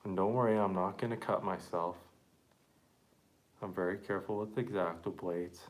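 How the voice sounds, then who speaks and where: A man live-streaming an accordion repair, chatting casually and haltingly to viewers while he works with his hands. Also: low voice, steady tone.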